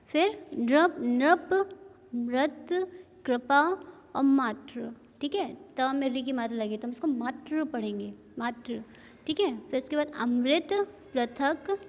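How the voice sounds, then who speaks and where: A woman teaching a primary school Hindi lesson, slowly spelling out syllables and repeating words. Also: high-pitched, long reverb tail. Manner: slow, repetitive, spells out syllables. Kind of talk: classroom lesson.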